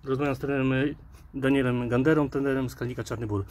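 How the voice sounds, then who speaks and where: Brief: forties male interviewer, pitchside, rapid and informal. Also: steady tone, a little mellow. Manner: chatty, informal, addresses the coach by first name. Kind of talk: casual sports interview. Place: outdoors by a pitch, under a dugout shelter.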